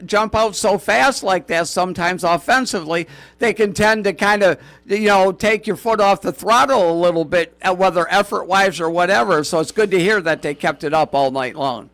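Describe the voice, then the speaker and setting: A man hosting a high school sports radio show in a friendly, chatty way. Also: normal speed, fairly bright tone. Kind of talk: casual sports radio chat.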